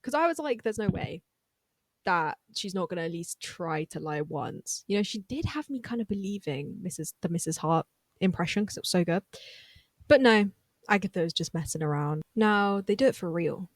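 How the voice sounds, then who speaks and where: A woman recapping a TV episode in a casual, chatty way, full of excitable asides. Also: lowish voice, moderate pace, dry recording. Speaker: recap vlogger.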